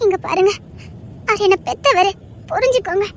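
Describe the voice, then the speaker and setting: A woman voicing a torn young wife who pleads through tears in an audio drama. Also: normal speed. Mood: pleading. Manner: pleading, tearful and high-pitched. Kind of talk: Tamil audio drama acting.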